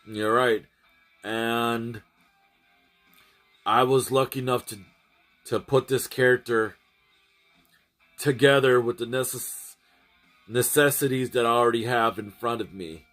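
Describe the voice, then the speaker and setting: A man's voice: medium pitch, fairly even intonation, unhurried, long pauses, fairly bright tone, faint music behind. A man chatting casually to his livestream audience, rambling and often restarting and repeating his phrases. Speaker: streamer.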